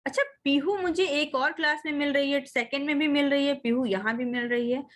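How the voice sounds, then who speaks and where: A woman teacher giving an online lesson, reading example sentences slowly and calling the children "beta". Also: high-pitched, steady tone. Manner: coaxing, addresses children as beta. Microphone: video call.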